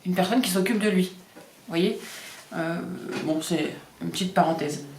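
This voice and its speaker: A woman's voice: on the low side, measured pace, slight background noise. Hesitant woman giving a casual card reading, echoey room. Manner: hesitant, many fillers, repeats card words. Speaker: card reader doing animal readings.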